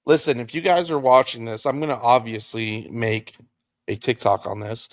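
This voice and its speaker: A man's voice: mid-range voice, steady tone, moderate pace, dry recording. A young man co-hosting a casual podcast chat, jokey and rambling, often trailing off mid-thought. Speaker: podcast co-host.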